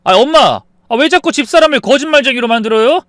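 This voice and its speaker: A man's voice: high voice, big pitch swings, fairly quick, fairly bright tone, no room sound, clean studio sound, voice pushed up. A man voicing a dismissive adult son who brushes off his mother, sighing before his lines. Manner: whiny, starts lines with a sighing "ah".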